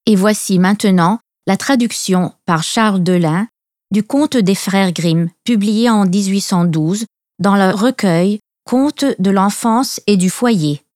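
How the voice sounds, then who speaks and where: A woman reading classic fairy tales aloud in a measured, clear storytelling manner. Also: mid-range voice, a little mellow, dry recording, clean studio sound.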